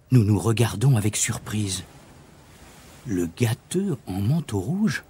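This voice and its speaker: A man reading a children's story aloud as narrator, in an expressive, animated way. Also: mid-range voice, husky.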